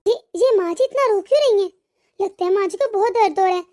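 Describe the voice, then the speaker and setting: A caring, forgiving elder daughter-in-law in a cartoon, played by a woman. She speaks gently and reassuringly in a very high voice. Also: fast. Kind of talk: cartoon voice acting.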